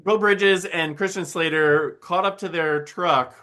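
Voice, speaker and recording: A man's voice: a little high, steady tone, measured pace, sharp tone. A man co-hosting a podcast, making laid-back, joking asides while chatting over a movie. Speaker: podcast co-host. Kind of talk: casual movie commentary chat.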